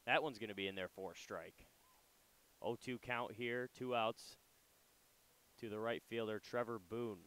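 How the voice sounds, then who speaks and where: Calling play-by-play from the booth, this young man keeps his radio baseball commentary relaxed and chatty, with loose fillers. He speaks at a measured pace, pausing often, in a fairly low, clear, resonant voice, though the recording is rough.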